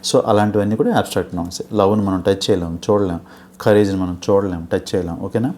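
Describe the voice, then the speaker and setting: A man's voice: low-pitched, fairly even intonation, fast, darkish tone, a little hiss or hum. A man with a Telugu accent teaching English grammar for a teacher exam, explaining patiently and often checking in with "okay?". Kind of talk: exam-prep lecture in Telugu with English terms.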